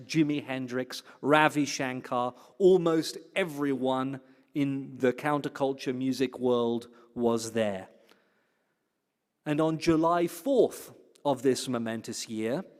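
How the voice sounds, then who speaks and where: A man addresses an audience in a large hall, his voice trailing into long reverb. He talks in a lively, playful way and keeps turning questions to the room. His voice sits at an ordinary middle pitch. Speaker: platform speaker. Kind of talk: lecture-style address to a congregation.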